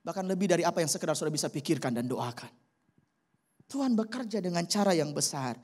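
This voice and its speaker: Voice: medium pitch, expressive, quick pace, darkish tone. A pastor preaching a sermon and telling a story with animation, often addressing the congregation directly. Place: church service.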